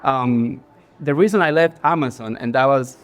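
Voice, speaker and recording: Faint music hums in the background as an Ecuadorian man in his forties, a creative director, answers questions on stage at a bar in front of a live crowd. His medium-pitched voice has a clean tone and a moderate pace. He comes across as earnest, with many fillers and false starts in his Ecuadorian Spanish accent.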